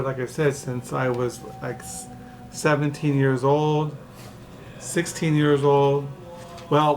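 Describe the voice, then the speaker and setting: Gravelly man in his sixties, rambling. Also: medium pitch. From California, USA. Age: 60s. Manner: digressive, halting, with many fillers and restarts. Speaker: book vlogger. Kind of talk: rambling casual monologue. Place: dining room at home. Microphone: camera mic.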